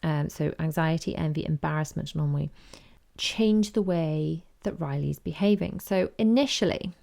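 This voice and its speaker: Brief: woman podcast host, chatty storyteller, low and gravelly, mellow tone. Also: normal speed. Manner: chatty, animated retelling with quoted voices. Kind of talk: casual chat.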